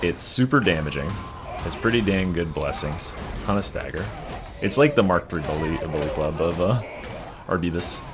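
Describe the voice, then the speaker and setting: A man's voice: low voice, expressive, moderate pace, over music. A young man giving casual gameplay commentary, explaining a build in a loose, swearing way with lots of fillers. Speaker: game build guide creator.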